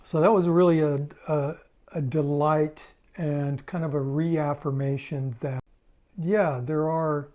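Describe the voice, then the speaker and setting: A man's voice: a little high, slow pace, highs cut off. Rambling man telling a road story. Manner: relaxed, rambling, acts out quoted exchanges. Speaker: musician telling tour stories. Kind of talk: casual storytelling monologue.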